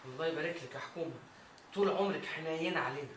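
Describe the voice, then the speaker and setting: An actor playing a flattering, evasive detainee before the police, with an Egyptian accent. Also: male voice, fairly high pitch, racing, noisy background, close to an everyday voice. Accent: Egyptian Arabic. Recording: echoey, from far off.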